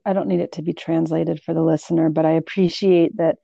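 A woman's voice: low-pitched, little pitch movement, fairly quick, gravelly, warm tone, dry recording, muffled recording. A woman from Philadelphia hosting a thoughtful conversation, searching for her words as she goes. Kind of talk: reflective conversation.

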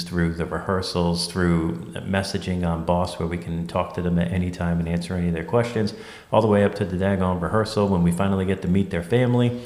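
A man's voice: low-pitched, a little mellow. A man who runs a wedding venue, talking casually and telling stories in a group discussion. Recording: echoey room.

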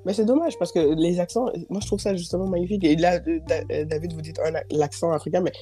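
Warm-voiced woman speaking expressively. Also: lowish voice, fast, soft background music. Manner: fluent and expressive, with some repetitions. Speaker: interview guest, community leader. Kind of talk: conversational interview.

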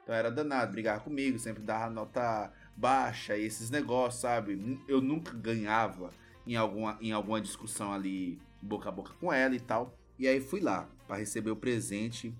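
A man with a Brazilian Portuguese accent telling a story in casual, lively chat. He swears freely and acts out his younger self. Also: fairly low pitch, moderate pace, hardly any pauses, soft background music.

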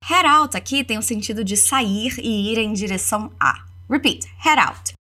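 A Brazilian woman teaching English in a lesson, explaining quick and modeling phrases slowly for repetition. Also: fairly high pitch, lively intonation, bright, forceful tone. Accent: Brazilian Portuguese. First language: Portuguese. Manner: slow, over-articulated model phrases between quick explanations. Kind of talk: language lesson with repeat-after-me drills.

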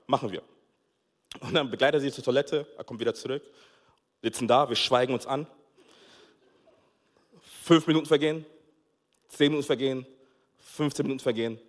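A man preaching a sermon as pastor, telling a funny family story with lively acted-out dialogue and frequent laughter. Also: medium pitch, brisk, pauses often. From Togo. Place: church hall. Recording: long hall reverb.

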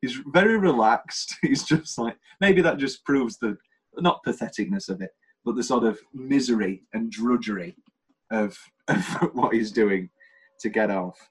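Husky and a little slow, with lively intonation in a mid-range voice, a British man rambles through his casual film podcast. He jokes around and quotes favourite scenes in funny voices, though the recording quality is low.

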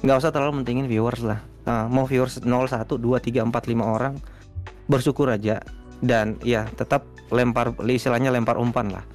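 A man, a guest streamer, chatting casually in an interview, relaxed and rambling with lots of fillers. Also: mid-range voice, brisk, faint music behind.

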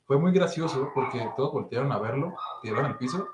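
In a quick, expressive, mid-range voice, a young man with a Mexican Spanish accent relates an anecdote during a relaxed chat, imitating the people involved. There's a roomy echo and faint background noise.

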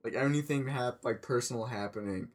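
A man's voice: medium pitch, fairly quick. A man co-hosting a podcast, chatting casually and musing in an earnest, puzzled way. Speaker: podcast co-host. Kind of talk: casual chat.

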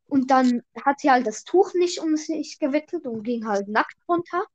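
A woman's voice: sits high, expressive, normal speed. A woman hosting a casual podcast, telling jokes eagerly and explaining her punchlines, heard through a lo-fi mic with a slightly robotic echo. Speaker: podcast host. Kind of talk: casual joke-telling chat.

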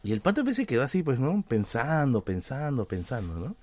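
A Peruvian man spins a casual anecdote for his stream chat, his pitch swinging up and down as he talks. His delivery is slangy and chatty, full of little check-ins to the audience. The sound is dry and close, with no room around it. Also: huge pitch swings, brisk, a little mellow, no room sound. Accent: Peruvian Spanish. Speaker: livestream host.

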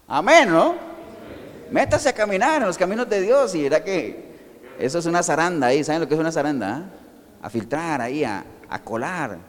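A man's voice: a little high, long reverb tail. A man preaching a sermon, asking the congregation questions and answering them himself.

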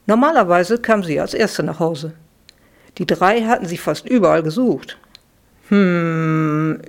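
Slow storytelling woman. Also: fairly low pitch. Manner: slow, lively voices for the children. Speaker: author reading her children's book. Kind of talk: storybook reading aloud.

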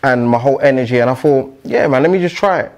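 A man's voice: mid-range voice, fast talker. A man with a London roadman accent in casual podcast chat, using street slang and frequent tag questions. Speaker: podcaster being interviewed.

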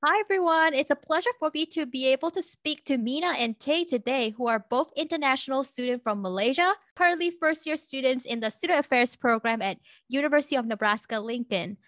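A woman's voice: high voice, brisk, fairly bright tone, no echo, soft background music. Polite woman hosting a podcast. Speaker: podcast host. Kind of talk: scripted intro, then interview hosting.

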